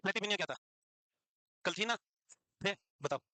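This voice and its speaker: A man lectures a classroom, teasing and scolding his students as he quizzes them. His voice sits high and rings bright and forceful. The sound is dry and close. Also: animated, slow, no room sound, rough recording. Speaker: teacher.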